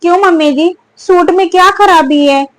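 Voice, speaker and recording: Family skit: a woman playing a young daughter-in-law, high-pitched, argues her side politely but firmly. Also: moderate pace, fairly bright tone, no echo. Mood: pleading. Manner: argumentative, pleading, repeatedly addressing her.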